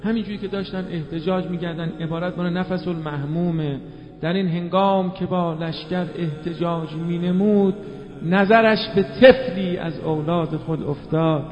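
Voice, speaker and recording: High-voiced man chanting a mourning sermon. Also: fairly even intonation. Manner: moves between spoken telling and melodic chanting of Arabic quotes. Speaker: religious mourning preacher. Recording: reverberant hall, dull lo-fi sound, faint music.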